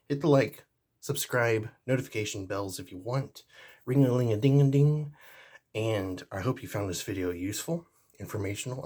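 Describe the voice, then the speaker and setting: A man talks through pocket tools in an easygoing, rambling vlog, stopping and restarting his thoughts. His voice sits low and sounds a little husky. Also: a little mellow. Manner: jokey sign-off. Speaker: vlogger reviewing pocket pliers. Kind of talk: casual product review.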